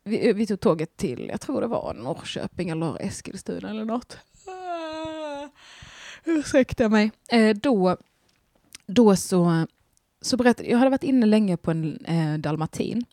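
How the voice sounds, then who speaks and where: A woman's voice: mid-range voice, lively intonation, warm tone, no echo, studio quality. A young woman, chatting casually as a podcast host, rambling and gushing with lots of fillers and restarts. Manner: giggly, gushing.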